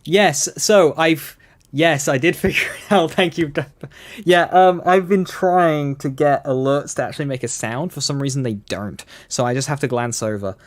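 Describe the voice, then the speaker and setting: A man giving casual, chatty live gameplay commentary, talking straight to his viewers. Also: medium pitch. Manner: chatty, addresses viewers directly. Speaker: game streamer.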